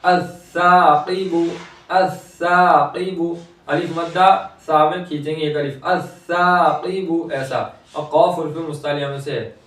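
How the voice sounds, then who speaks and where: A man teaching Quran reading, slowly reciting each word twice and then quickly explaining the pronunciation rules. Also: a little high, steady tone. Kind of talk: slow recitation lesson. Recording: echoey room, voice from far off.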